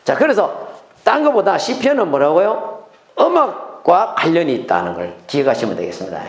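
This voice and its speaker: A middle-aged man preaching in a church, his voice slightly high and swinging wildly up and down as he teaches. He keeps asking the congregation questions and bursts into high acted cries when quoting laments. The sound rings through an echoey sanctuary. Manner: animated, acts out lament with sudden high cries; explains with rhetorical questions to the congregation. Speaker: pastor. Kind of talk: sermon teaching on scripture.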